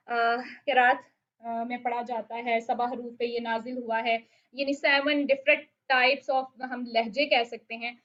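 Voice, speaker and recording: A woman teaching Quran recitation rules, patiently explaining and asking questions she then answers herself, with slow drawn-out recited verses. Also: high-pitched. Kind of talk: online tajweed lesson. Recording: dull lo-fi audio.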